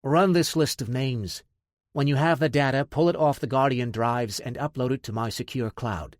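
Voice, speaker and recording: A man's voice: mid-range voice, moderate pace, no room sound, studio quality, close to an everyday voice. A man reading an audiobook, voicing a curt villain boss who gives orders. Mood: commanding. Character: cold commanding male villain boss. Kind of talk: audiobook character voice.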